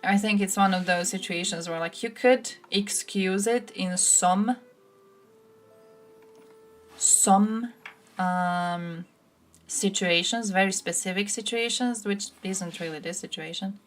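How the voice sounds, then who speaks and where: A woman's voice: mid-range voice, slow, faint music behind. A woman from Croatia streaming live, giving blunt, sarcastic political commentary and answering chat, swearing freely.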